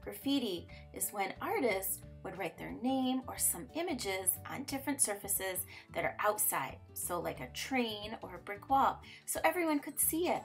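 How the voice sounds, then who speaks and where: Female narrator, mid-pitched, teacherly scripted delivery for kids, music underneath. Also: animated, a little slow, few pauses. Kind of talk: scripted educational narration for children.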